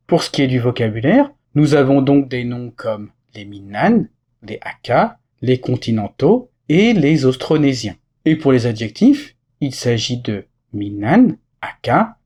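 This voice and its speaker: A man delivers a scripted French lesson, carefully explaining words and reading example sentences. His voice is a little husky. His pitch rises and falls with lively movement. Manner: clear, didactic explanation with example phrases. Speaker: French teacher.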